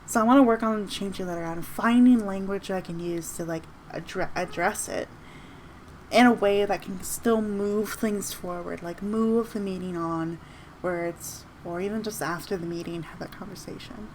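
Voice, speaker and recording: A woman's voice: mid-range voice, normal speed, a little mellow, slight background noise. A woman hosting a reflective solo podcast from home, talking earnestly and rambling with restarts. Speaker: podcast host and teacher. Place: home room with open window downtown.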